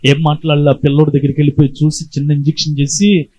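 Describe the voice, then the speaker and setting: A man's voice: a little high, flat delivery, fast talker, darkish tone. A male pastor preaching a sermon, telling a story and calling on the congregation to respond. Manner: call-and-response, urging the congregation to answer. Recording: slightly dull lo-fi recording.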